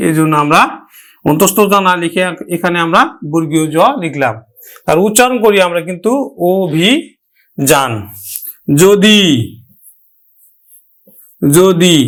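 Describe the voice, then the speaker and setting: A man with a Bangladeshi Bengali accent teaching a grammar lesson, addressing his students directly and slowly repeating each example word. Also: sits high, fairly bright tone. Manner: slow, drawn-out repetition of example words.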